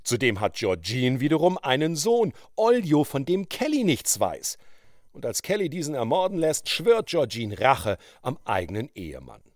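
Lively male storyteller. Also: mid-range voice, normal speed, no echo, studio quality. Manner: lively, expressive reading. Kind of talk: storytelling narration.

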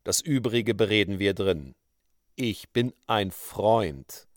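A man's voice: expressive, no room sound, studio quality. A man putting on a suave, menacing outlaw. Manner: low, slow, suave then threatening. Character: smooth menacing male outlaw, coolly persuasive.

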